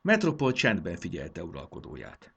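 A man reading a children's storybook aloud with expressive, lively narration. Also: deep voice, gravelly, slightly rough, muffled recording. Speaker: audiobook reader.

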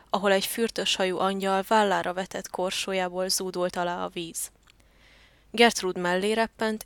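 A woman narrating a children's storybook in a calm, even reading voice. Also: mid-range voice, no room sound.

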